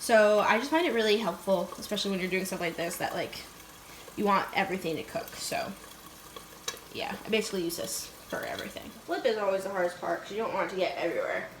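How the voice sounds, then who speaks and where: A young woman talking casually and informally to her vlog viewers, often softening things with filler words like "like" and "kind of". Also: medium pitch, expressive, fast talker. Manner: chatty, informal, hedging with "like" and "kind of". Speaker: fitness vlogger. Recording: roomy echo, faint background noise.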